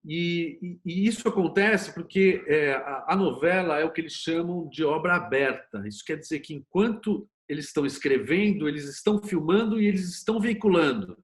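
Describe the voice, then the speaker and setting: A Brazilian man, a screenwriter and series producer, speaks as an interview guest in a voice on the high side. He moves at a moderate pace with few pauses, explaining things informally and thinking aloud conversationally.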